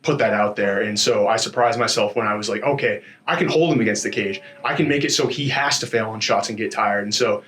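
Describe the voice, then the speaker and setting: A man speaking as a fighter in a casual post-fight interview, in an informal, rambling and animated storytelling way with slangy asides. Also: fairly low pitch, a little fast, few pauses, slight background noise. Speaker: MMA fighter being interviewed after a bout.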